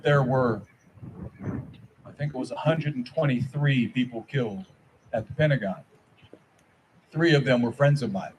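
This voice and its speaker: A man of medium pitch shares a personal account in a public speech. He is earnest and deliberate, sometimes halting, with faint noise behind him. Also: rough recording. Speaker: ceremony speaker, eyewitness.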